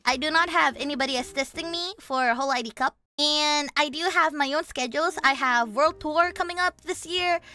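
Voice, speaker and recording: A woman's voice: high voice, normal speed, hardly any pauses, bright, forceful tone. A young woman streamer chatting casually and animatedly. She mixes in English, acts out quoted dialogue, and calls herself by her own name. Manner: refers to herself in third person. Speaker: VTuber streamer.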